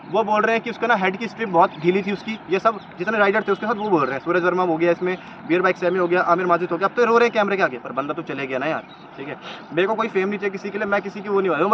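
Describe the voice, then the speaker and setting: A young man with a high-pitched, rapid-fire voice vlogs outdoors, laying out his points one after another in an argumentative commentary. The lo-fi recording sounds slightly dull, with faint noise.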